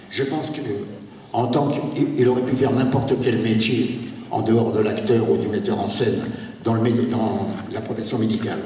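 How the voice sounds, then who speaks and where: A man's voice: on the low side, a little mellow. A man delivers a joking tribute speech at a ceremony, reading from his notes, tripping over words now and then and chuckling. His voice rings around a big reverberant hall. It was picked up by a handheld camera far back in the audience, with a faint hiss underneath. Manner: reads from a paper, stumbles and restarts, chuckles between lines. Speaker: speaker inducting a new academy member. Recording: echoey hall filmed from far off.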